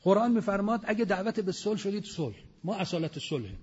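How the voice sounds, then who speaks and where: A man's voice: sits high, animated, a little mellow, breathy edge. A man giving an emphatic religious lecture, reciting Arabic verses between his explanations. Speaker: cleric lecturer. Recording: dull lo-fi recording in a reverberant hall.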